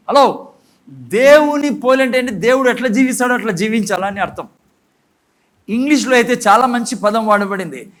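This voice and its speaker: A man preaching a sermon in church, asking the congregation questions and breaking into emphatic shouts, with English phrases mixed into his talk. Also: very high-pitched. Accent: Telugu. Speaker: pastor.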